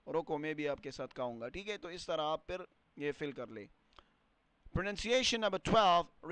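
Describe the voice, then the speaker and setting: A man teaching a beginner English lesson, explaining in Urdu and repeating words and phrases slowly for learners. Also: on the high side, a bit bright, smooth, dry recording.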